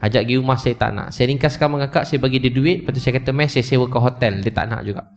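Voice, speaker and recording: Preacher telling an emotional story. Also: male voice, mid-range voice, fast talker. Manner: emotional, repetitive, addresses listeners directly. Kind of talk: storytelling sermon to a live audience. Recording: slightly dull lo-fi recording.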